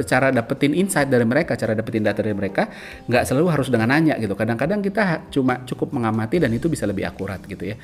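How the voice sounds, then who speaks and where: Male podcast host, relaxed explainer who restarts often, light music underneath. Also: mid-range voice. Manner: loose, conversational, many fillers and restarts. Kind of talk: casual explanatory monologue.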